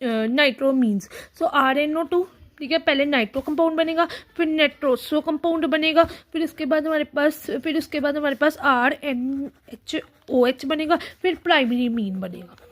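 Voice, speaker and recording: A woman tutor giving a casual online chemistry lesson, reading lines slowly and repeating each step. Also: sits high. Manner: reads textbook lines slowly, repeats steps, many fillers.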